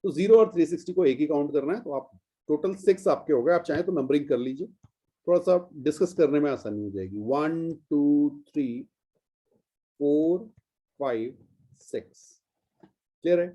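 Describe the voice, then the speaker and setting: A man's voice: fairly high pitch, animated, normal speed, long pauses, dark tone, slightly rough. Patient Indian male chemistry teacher. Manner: patient, step-by-step explaining, addresses students as "beta". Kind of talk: classroom lecture.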